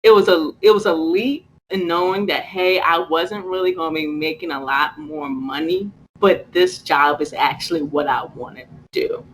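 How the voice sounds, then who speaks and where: A young woman from Virginia, telling a work story in a casual interview, laughing often and acting out quotes in a high voice. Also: moderate pace, hardly any pauses, a little hiss or hum, low-quality recording. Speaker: guest.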